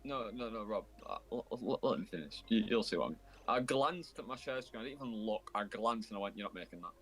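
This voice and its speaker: A man's voice: on the low side, fairly quick, a bit bright, slightly rough. A young man streaming, casually telling gaming stories and acting out his friends' lines. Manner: storytelling, acts out friends' lines.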